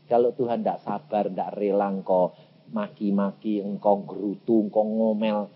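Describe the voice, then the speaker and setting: An older man with a Javanese accent preaching a sermon, animated, swinging from hushed asides to loud acted-out cries. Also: fairly low pitch, slightly rough. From Indonesia. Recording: muffled lo-fi recording.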